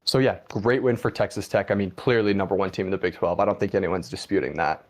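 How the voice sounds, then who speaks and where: Speaking fast in a low-pitched voice, the football talk show host gives his views in a relaxed, conversational way. He leans heavily on fillers like "I mean" and "like."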